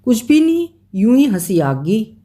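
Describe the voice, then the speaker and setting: A coy young queen, as the reader of a storybook puts her on, speaks in a raised, teasing voice with a lilt. She is evasive and playful, drawing her words out slowly. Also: a little high, sing-song, warm tone, pitched above the performer's own voice.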